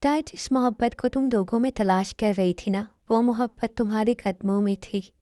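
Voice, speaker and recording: Woman doing a young male student, caring, earnest, fairly high, mellow tone, amateur dub. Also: moderate pace, dry recording, studio quality, lightly acted. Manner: soothing, earnest pleading. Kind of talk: amateur dubbed love story.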